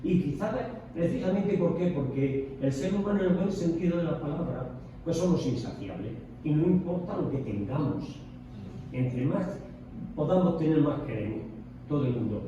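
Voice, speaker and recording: A man's voice: fairly high pitch, lively intonation, moderate pace. A man in a Bible study group sharing a reflective, hesitant comment with repeated words. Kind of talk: group discussion. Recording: echoey room, far off, dull lo-fi, clear noise.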